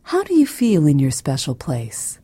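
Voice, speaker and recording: A woman narrating a guided relaxation for children in a soft, soothing, breathy voice that drops to a near whisper. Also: deep voice, huge pitch swings, normal speed, no room sound.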